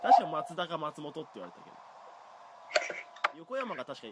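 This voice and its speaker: Young male podcast host, rambling self-mocking chatter, animated delivery. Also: a little high, normal speed. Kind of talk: casual chat. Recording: loud background noise.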